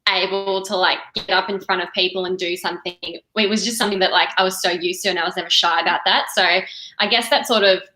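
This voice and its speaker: A woman in her twenties with an Australian accent, answering interview questions in a chatty, relaxed way with many likes and ums. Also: lowish voice, quick pace, echoey room, low-quality recording. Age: 20s. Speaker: guest.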